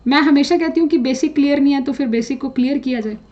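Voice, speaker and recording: A woman with a high voice lectures students on exam preparation, blunt and direct, now and then switching into English phrases. The recording sounds dull and lo-fi. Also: fast talker, darkish tone. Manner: direct, scolding, mixes English phrases into speech. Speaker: chemistry teacher.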